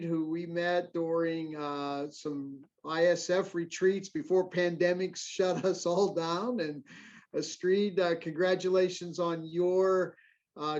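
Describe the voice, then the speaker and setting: A man hosting a graduation ceremony over a video call, friendly and halting, with many fillers. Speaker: ceremony host. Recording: muffled low-fidelity audio.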